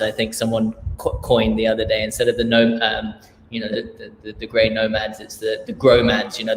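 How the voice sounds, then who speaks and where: A man with an Australian accent, a charity founder talking casually in an interview, relaxed and rambling with many fillers and restarts. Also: medium pitch. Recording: echoey room with faint noise.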